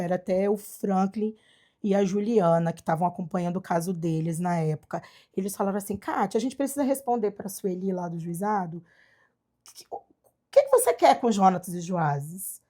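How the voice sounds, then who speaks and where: A woman from Brazil telling her adoption story in a casual chat, animated and acting out the voices of people she quotes. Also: mid-range voice, a little fast. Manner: animated, acts out quoted dialogue. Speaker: guest, adoptive mother.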